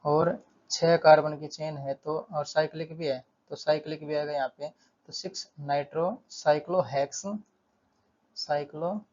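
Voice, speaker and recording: A man's voice: fairly high pitch, normal speed. Man tutoring chemistry, lo-fi sound. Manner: steady, repeats terms, counts aloud. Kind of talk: whiteboard lesson explanation.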